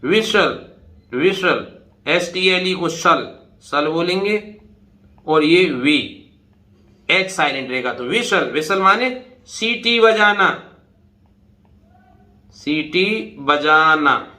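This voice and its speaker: A man's voice: on the high side, animated, slow pace, pauses often, bright, forceful tone. A man in his fifties teaching a pronunciation lesson, spelling words out letter by letter and repeating them patiently. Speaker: English teacher. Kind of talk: classroom-style pronunciation lesson. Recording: echoey room.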